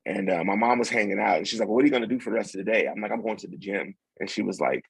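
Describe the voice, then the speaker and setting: Young guy, gravelly husky voice, rambling casual storytelling, lots of restarts. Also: lowish voice, rapid-fire, dry recording, poor audio. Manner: relaxed, rambling with many fillers and restarts. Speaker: podcast guest.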